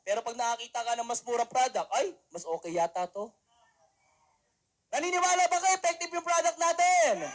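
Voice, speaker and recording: A young man, a mentor and motivational speaker, gives an animated talk to a live audience from a stage. He acts out quotes as he tells stories and keeps asking the crowd "di ba?". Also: very high-pitched. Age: young adult. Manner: animated storytelling, acting out quotes; peppers lines with rhetorical "di ba?".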